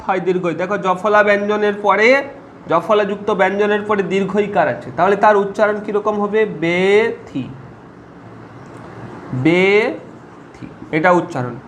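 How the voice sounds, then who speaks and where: A man with a fairly high voice teaches spelling and pronunciation rules. He repeats each rule slowly and keeps asking questions to check his students follow. A faint hum of room noise sits underneath. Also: steady tone, fairly bright tone, reverberant.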